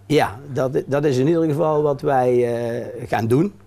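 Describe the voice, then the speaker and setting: A man speaking as a talk-show guest, with a gravelly, creaky edge and a dark, mellow tone. He explains things earnestly but hesitantly, stopping often to fill gaps with "uh". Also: medium pitch, measured pace. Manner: hesitant, many filler sounds, earnest. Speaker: guest, care company founder. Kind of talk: local TV talk show interview.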